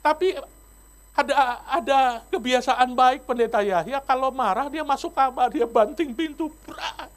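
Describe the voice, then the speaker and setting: A male pastor preaching a sermon, acting out the voices of the people in his story with big swings in pitch. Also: unhurried.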